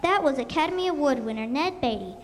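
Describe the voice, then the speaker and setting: In a noisy amateur live stage recording of a scripted school radio show, a young female elementary performer plays a bubbly TV reporter touring the Kentucky Derby. She talks fast in a high voice with lively intonation, delivering upbeat, presentational announcing.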